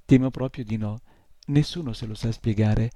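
A man voicing a tiny, polite male creature who explains things softly and with a touch of smugness. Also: mid-range voice, moderate pace, no echo, natural voice. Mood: polite explaining. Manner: soft, courteous, slightly smug.

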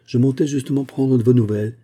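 A man voicing a middle-aged woman who runs a shop department, brisk and solicitous. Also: mid-range voice, fairly even intonation, mellow, pitched above the performer's own voice, lightly acted.

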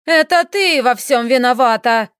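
A woman's voice: sits high, a little slow, no room sound, clean studio sound. Woman doing a haughty dragoness matriarch. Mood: furious. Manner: raised, sharp and commanding. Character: cold, furious noble dragoness mother.

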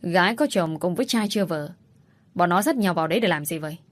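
A woman's voice: lowish voice, expressive, fast talker, natural voice. A woman reading an audiobook voices a scheming older woman who makes insinuations and then feigns innocence. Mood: sly insinuating.

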